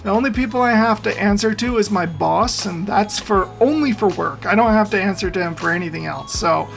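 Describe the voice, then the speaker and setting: A man's voice: high-pitched, a little fast, gravelly, a bit bright, soft background music. A man hosting a meme reaction video, talking casually and opinionatedly, rambling and laughing often. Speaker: meme reaction channel host. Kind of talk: casual commentary.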